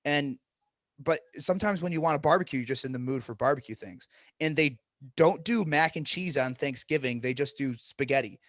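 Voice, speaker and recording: A man's voice: on the high side, a little fast, fairly bright tone, no room sound. Blunt, joking young man with a dry sound. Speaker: podcast co-host. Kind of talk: casual podcast chat.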